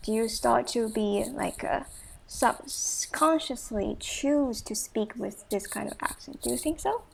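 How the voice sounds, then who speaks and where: A podcast host from Taiwan speaks with a Taiwanese accent in relaxed, conversational English. She talks hesitantly, often restarting her questions and leaning on fillers as she feels her way through them. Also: a little high, unhurried, vocal fry, slight background noise. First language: Taiwanese Mandarin. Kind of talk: casual interview chat.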